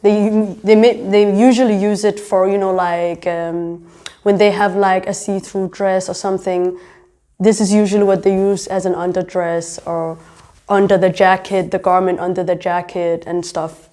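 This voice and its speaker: Her voice sits in the mid range, warm and fairly flat in pitch, at a moderate pace. She is a young adult from Denmark, a fashion designer and entrepreneur, reflecting on herself in a relaxed interview.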